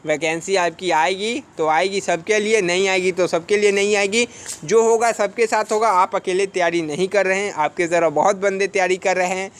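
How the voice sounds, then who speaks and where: With a clear, resonant voice that sits high, this defence exam coaching teacher speaks at a moderate pace with fairly even intonation. He addresses students casually yet earnestly in a vlog, spurring them on and posing rhetorical questions.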